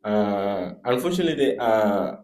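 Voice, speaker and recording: Low-voiced Kenyan man, measured. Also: animated, a little mellow. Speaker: comic artist guest. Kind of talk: panel discussion.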